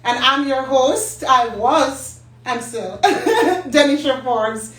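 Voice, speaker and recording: A woman's voice: sits high, takes it slowly, a bit bright. A woman hosting a live stream and giving away a prize, teasing her viewers and laughing often. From Jamaica. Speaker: host and company CEO. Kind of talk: casual live-stream giveaway. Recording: echoey room, mic at a distance.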